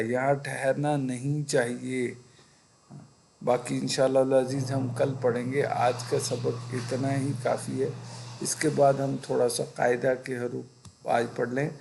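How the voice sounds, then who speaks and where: A man teaching a Quran lesson, explaining patiently and deliberately, sometimes pausing to search for words. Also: mid-range voice, vocal fry, darkish tone, slight background noise, poor audio. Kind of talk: religious lesson, explaining step by step.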